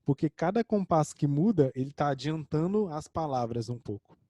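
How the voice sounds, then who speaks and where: A man's voice: a little high, lively intonation, moderate pace, mellow, no echo, clean studio sound. A man with a Brazilian Portuguese accent teaching an online music theory lesson, explaining a score step by step and singing short examples.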